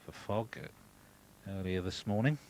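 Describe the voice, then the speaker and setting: Male golf commentator, lowish voice, measured and conversational live calls, clear background noise from the broadcast. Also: darkish tone, poor audio.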